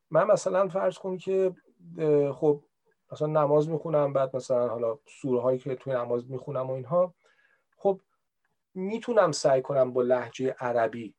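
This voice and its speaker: A man's voice: on the high side, darkish tone. A man in casual, reflective explanatory talk, conversational and full of everyday examples. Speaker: speaker on religious practice.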